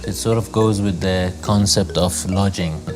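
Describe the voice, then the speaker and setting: A man who grew up in Zimbabwe, a lodge owner talking casually in an interview, relaxed and rambling with many fillers. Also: sits low, normal speed. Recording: music playing under the voice.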